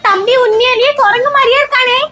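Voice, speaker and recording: A woman voicing a cheeky, lazy little girl in a cartoon comedy dub, talking in a high, whiny childlike way. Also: fast talker, pushed and bright. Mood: scheming. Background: background music.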